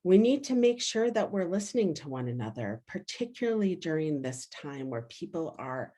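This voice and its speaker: A woman facilitating a workshop over a video call, energetic, often checking in with "right?". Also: sits low, moderate pace. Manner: energetic, frequently asks "right?".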